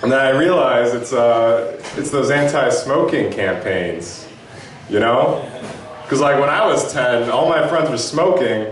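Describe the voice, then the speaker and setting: A young man doing a stand-up set with a laid-back, halting delivery full of fillers. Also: mid-range voice, expressive, slight background noise. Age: young adult. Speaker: stand-up comic. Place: club stage. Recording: echoey room from far off.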